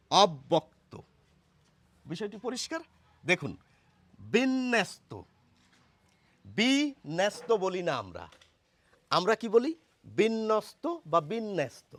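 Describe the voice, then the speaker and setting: A man gives a blackboard pronunciation lesson in a high, animated voice. He explains step by step and keeps asking the viewer questions. The recording is dry and close. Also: no echo. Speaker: Bengali language teacher.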